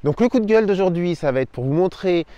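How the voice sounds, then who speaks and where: A French-speaking man who teaches Spanish, hosting an energetic video lesson and rant, emphatic and punchy as he explains, recorded outdoors in an old town. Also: high voice, fast talker, a little hiss or hum. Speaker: Spanish teacher and channel host.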